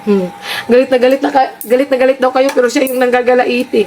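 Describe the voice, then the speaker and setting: A woman's voice: high-pitched, level tone, fast talker, darkish tone, a little hiss or hum. A woman giving mocking, sarcastic reaction commentary on clips, often teasing and laughing.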